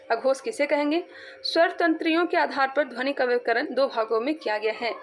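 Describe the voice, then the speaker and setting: A woman's voice: high-pitched, a little hiss or hum. A woman teaching an exam-prep lesson, repeating points and quizzing her students as she goes. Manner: repetitive, quizzing, drawn-out syllables.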